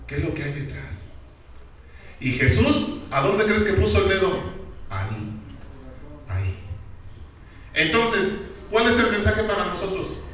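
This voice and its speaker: A man preaching a sermon, firing emphatic questions at his congregation in a fairly high voice. He sounds a little distant from the mic, and his words ring out through a very echoey church hall over a faint background hum. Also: very animated, measured pace, pauses often, fairly bright tone. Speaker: pastor.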